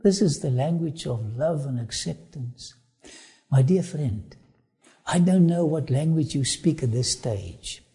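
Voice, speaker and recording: Here an animated Afrikaans-accented man fronts a travel documentary, stretching out his phrases with slow emphasis. Though a bit high in pitch, his tone is dark, husky and gravelly, and now and then he preaches in sermon-style asides.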